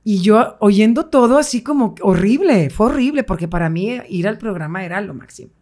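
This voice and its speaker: A middle-aged woman, telling family stories as an interview guest in a lively way, acting out quoted voices and laughing often. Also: mid-range voice, normal speed. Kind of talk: casual storytelling interview.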